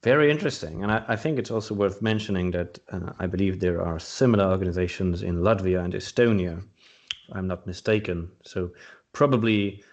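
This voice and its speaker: A man's voice: low voice, a little fast, lo-fi sound. A man hosting a podcast interview, curious and asking questions. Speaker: podcast host.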